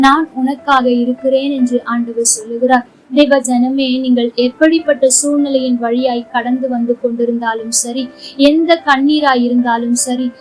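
A woman's voice: high voice, poor audio. A woman delivering a daily devotional sermon in a tender, pleading, comforting manner. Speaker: devotional speaker.

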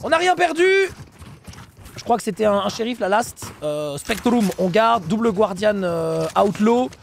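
A man commenting live on his team's esports match, excitable, repeating himself and breaking into shouts. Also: high voice, unhurried, vocal fry, slight background noise.

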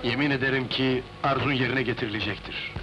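An actor playing an earnest, loyal comrade of a rebel in an old Turkish historical film. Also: male voice, medium pitch, fairly even intonation, quick pace, close to an everyday voice. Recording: dull old film sound with music.

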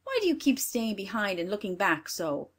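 A woman's voice: mid-range voice, sing-song, normal speed, husky. Woman doing a harsh scolding stepmother. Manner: sharp, scornful, commanding.

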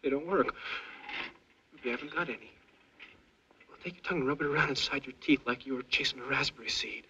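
An actor playing a young soldier's halting, stammering inner monologue that swings between hushed dread and panic. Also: male voice, medium pitch, highs cut off, slight background noise, lightly acted. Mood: uneasy. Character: young male soldier, maimed, trapped and frightened. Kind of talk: film voice-over inner monologue.

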